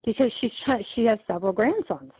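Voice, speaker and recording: A middle-aged woman, a guest, retelling a scam call in a lively way, quoting each exchange and often restarting her sentences. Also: on the high side, fast, husky, dry recording. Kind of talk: conversational storytelling. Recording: tinny phone-like line, dry.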